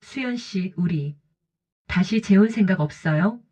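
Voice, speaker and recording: A woman voicing a gentle older man who speaks softly and politely, on a dull lo-fi recording. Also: medium pitch, animated, unhurried, slightly rough. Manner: soft, polite, reassuring. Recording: dull lo-fi audio.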